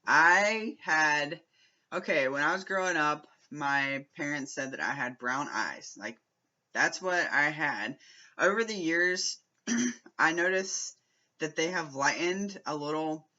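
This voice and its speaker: A young man vlogging casually to camera, rambling with lots of fillers, restarts and throat clearing. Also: a little high, takes it slowly, bright, forceful tone, muffled recording.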